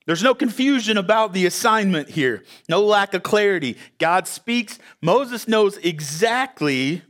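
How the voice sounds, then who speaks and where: A man preaching in a slightly higher-than-average voice. He opens with an anecdote, then builds to emphatic points, speaking conversationally to his congregation with the odd "uh". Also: animated, a little slow, a bit bright. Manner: storytelling, emphatic, conversational with fillers. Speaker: pastor. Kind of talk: sermon. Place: church sanctuary with audience.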